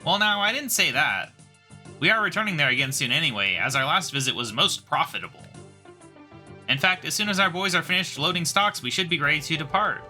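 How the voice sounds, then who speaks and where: A man's voice: fairly high pitch, expressive, a little fast, pushed and bright, soft background music. A man voicing a pompous, formal sea captain in a game playthrough. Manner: stately, formal.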